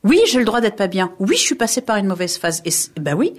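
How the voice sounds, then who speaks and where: A middle-aged woman, a guest on a radio interview, talking in a lively way and acting out inner voices. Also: fast talker. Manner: lively, acts out inner voices with jumps in pitch. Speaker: guest, reflexologist and naturopath.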